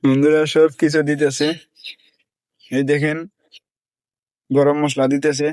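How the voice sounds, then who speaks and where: A man's voice: fairly high pitch, little pitch movement, takes it slowly, darkish tone, no room sound. A man, casually commenting to viewers as a friend cooks, teasing and laughing often. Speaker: vlogger filming a friend cooking.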